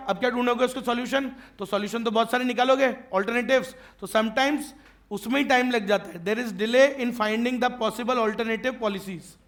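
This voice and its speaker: A man's voice: very high voice, a bit bright. A man teaching a classroom lecture. He jokes and teases his students and keeps checking that they follow. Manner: joking and teasing with students.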